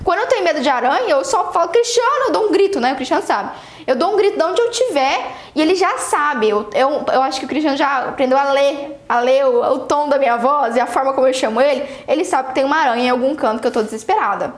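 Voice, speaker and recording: A young adult woman with a Brazilian accent, a dentist telling a patient story to fellow dentists in a lively, animated way. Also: high-pitched, fast, echoey room. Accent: Brazilian Portuguese. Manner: animated storytelling, acts out quotes. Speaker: dentist teaching other dentists. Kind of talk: casual teaching talk with a story.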